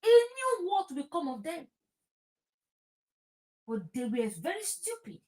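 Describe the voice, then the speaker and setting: A Nigerian-accented woman, a talk show host, speaks in a very high, sing-song, slightly mellow voice at an unhurried pace. Her impassioned, informal political talk airs her opinions emphatically, repeating phrases and slipping into Pidgin.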